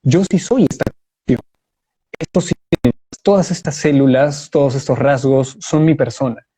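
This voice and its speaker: A man's voice: mid-range voice, dark tone, breathy edge. A man answering in a live online debate over a video call, explaining his view step by step with examples. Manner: measured, explanatory, uses examples. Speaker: debate guest.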